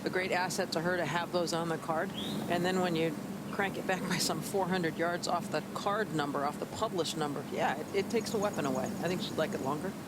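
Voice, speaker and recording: A man's voice: on the high side, a little fast. A man giving conversational analysis as a golf commentator. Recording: loud outdoor ambient noise behind the voice.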